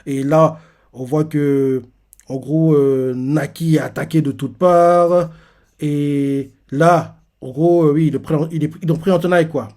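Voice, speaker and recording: Male host, casual reaction talk, rambling with fillers, higher voice. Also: fairly even intonation, measured pace, a little mellow. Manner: rambling, full of fillers and "en gros".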